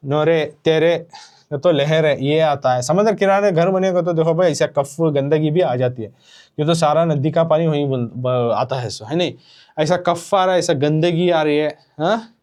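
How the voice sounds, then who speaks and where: Male teacher, slightly high voice, patient repetitive classroom explaining. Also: a little mellow. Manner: explains slowly, repeats phrases, mixes in English.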